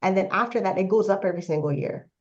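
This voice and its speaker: A woman's voice: mid-range voice, fast, dull audio. A Canadian woman in her late thirties, speaking as a panelist in a casual discussion, telling her story in a rambling, matter-of-fact way. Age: 30s.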